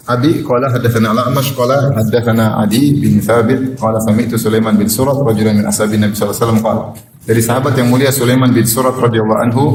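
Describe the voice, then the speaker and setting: A fast-talking male preacher delivers a lively sermon, slipping into higher, heated voices when he quotes angry people. The recording is roomy and echoey, with faint ambient noise underneath. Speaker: Islamic preacher. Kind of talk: sermon, reading and explaining hadith.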